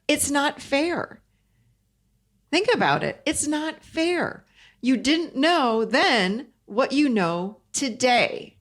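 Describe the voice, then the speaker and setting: A middle-aged woman giving a motivational self-help talk as a coach, speaking straight to the listener in an emphatic, deliberate way and repeating key phrases. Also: a little high.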